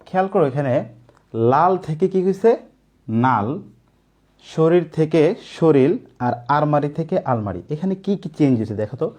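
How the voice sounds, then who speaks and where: A man's voice: on the high side, animated, fast talker, a little mellow. A young man teaching an online coaching class, explaining step by step and asking his students questions, with casual asides.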